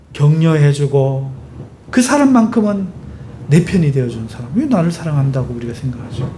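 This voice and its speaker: A male pastor preaching a sermon, driving it with lively rhetorical questions and emphatic stress. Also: high voice.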